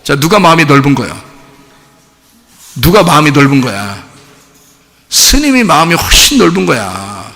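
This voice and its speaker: A man's voice: a little high, sing-song, normal speed, pauses often, pushed and bright. A middle-aged man preaching a sermon as pastor, telling stories animatedly with mimicry and laughter. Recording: long hall reverb.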